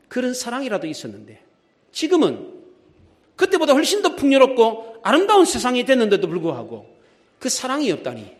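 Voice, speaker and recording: A middle-aged male pastor preaching in a church, with an unusually high voice. His pitch leaps and dips as he acts out scenes, shouting some lines and dropping to a hush for others. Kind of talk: sermon. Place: church sanctuary.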